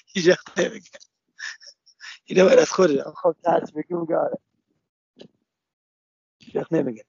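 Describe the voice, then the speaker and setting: Young man, phone line, gravelly voice, dull lo-fi sound, halting answers with restarts. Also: a little high, fairly even intonation, darkish tone, no room sound. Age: young adult. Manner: halting, with many restarts and fillers. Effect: heard over a phone line. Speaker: interviewee. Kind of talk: casual phone interview.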